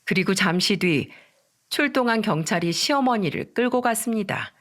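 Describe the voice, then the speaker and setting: A woman narrating a dramatic family story in the first person. Her tone is indignant and she keeps drawing the listener in with rhetorical questions, in a mid-pitched, steady voice. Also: normal speed.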